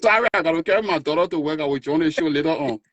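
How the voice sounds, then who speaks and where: A man's voice: a little high, very fast, fairly bright tone, no echo. A man with a Liberian West African accent giving his opinion as a call-in guest, emphatic and repeating his phrases. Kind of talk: casual opinionated discussion. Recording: dull lo-fi call audio.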